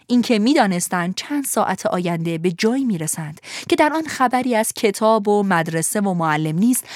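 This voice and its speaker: A woman narrating a storybook in an expressive, vivid manner. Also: a little high, no room sound, clean studio sound.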